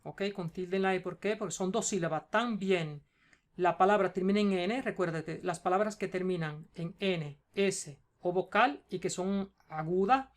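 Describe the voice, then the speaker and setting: A woman's voice: lowish voice, darkish tone. Cuban woman teaching grammar. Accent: Cuban Spanish. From Cuba. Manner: explains patiently, checks in with "ok?"; switches into English terms for learners. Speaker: Spanish teacher. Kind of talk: grammar lesson.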